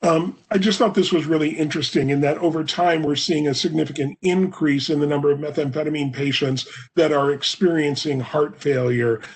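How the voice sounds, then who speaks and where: With a fairly high pitch and a steady tone, a man presents a lecture over a webinar using a computer mic. His voice is hoarse, broken by occasional coughs, and his measured explanations carry many fillers.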